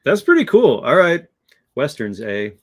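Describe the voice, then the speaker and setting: A man hosting a casual chat, reflective and hesitant, often pausing with fillers. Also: on the high side, huge pitch swings. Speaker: host.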